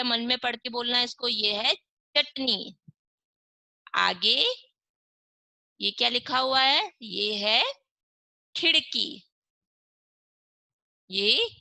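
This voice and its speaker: A woman's voice: on the high side, gravelly, sharp tone, no room sound, poor audio. A woman teaching young children in an online class, reading words syllable by syllable and asking and answering her own questions. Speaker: primary school Hindi teacher.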